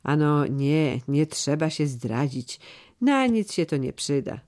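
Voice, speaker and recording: A man's voice: fairly high pitch, big pitch swings, slow pace, a little mellow. A man reading the part of an aging, loyal steward who speaks in a solemn, earnest, old-fashioned way. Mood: grave, earnest. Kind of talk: audiobook character reading.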